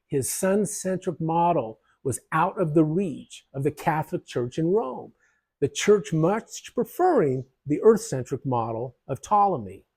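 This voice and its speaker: Lively man narrating a history lesson. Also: fairly high pitch, husky. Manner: lively, jokey explanations with asides. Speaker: history channel presenter.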